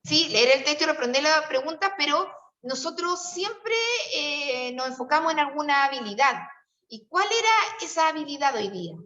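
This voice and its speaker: High-voiced Chilean woman teacher, roomy distant sound. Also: animated, normal speed, bright, forceful tone, lo-fi sound. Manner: patient, questioning, coaxing students. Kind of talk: classroom teaching.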